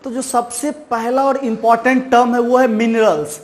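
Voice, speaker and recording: A man's voice: extremely high pitch, flat delivery. A man teaching a science lesson, repeatedly asking his own questions and answering them, then ending points with "right". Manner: repeats key terms slowly, ends points with "right". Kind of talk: chalk-and-talk science lesson.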